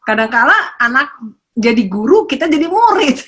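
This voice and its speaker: Older lady doing a parenting talk, kinda husky voice, animated, keeps asking the crowd stuff. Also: high voice, moderate pace. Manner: animated, teasing, asks audience questions. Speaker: parenting speaker.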